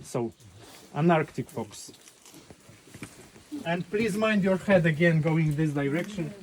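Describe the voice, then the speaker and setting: Man, cave tour guide, cave echo, raised voice, slightly high pitch. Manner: raised voice, calling out to a group. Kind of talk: guided tour talk to a group. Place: inside a lava cave.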